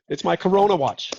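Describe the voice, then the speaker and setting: A man's voice: sits high, gravelly, a little hiss or hum. A man chatting casually as a guest on a video call, joking and laughing often with rambling asides. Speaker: guest watch collector. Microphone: video call mic. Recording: dull lo-fi call audio.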